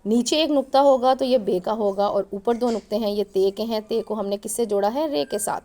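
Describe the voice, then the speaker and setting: A woman's voice: a little high, fairly quick, warm tone. A woman teacher reading a storybook aloud to young children, patiently spelling out the letters and asking questions as she goes.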